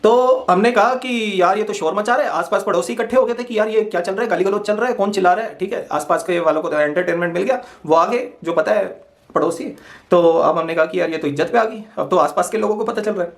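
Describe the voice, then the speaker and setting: A young man casually telling a funny personal story, lively and laughing often as he acts out what people said. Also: sits high, quick pace, vocal fry.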